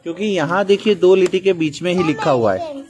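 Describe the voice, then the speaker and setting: Lively Gujarati male teacher in classroom. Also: high voice, fairly quick, crowd noise. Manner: patient, playful, teasing the children. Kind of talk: teaching young children to write letters. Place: classroom with children. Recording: noisy classroom full of children.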